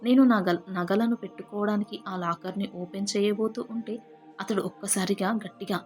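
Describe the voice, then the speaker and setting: A woman telling a first-person family story in a steady, heartfelt way. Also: medium pitch, moderate pace. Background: faint background music.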